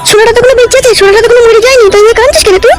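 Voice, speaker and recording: High-pitched fast woman doing cartoon voices. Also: steady tone. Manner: quarrelsome, scolding, shifting between many family characters. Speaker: cartoon voice artist. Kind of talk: comic cartoon voice acting. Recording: loud background music.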